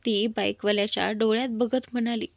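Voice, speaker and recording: A woman narrating a romantic story in a steady storytelling voice, close to the mic. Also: fairly high pitch, brisk, creaky, dry recording.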